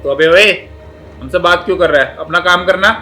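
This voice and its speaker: An actor playing an arrogant job candidate who talks down to everyone in a rude, mocking way. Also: male voice, high-pitched, brisk, sharp tone, faint music behind.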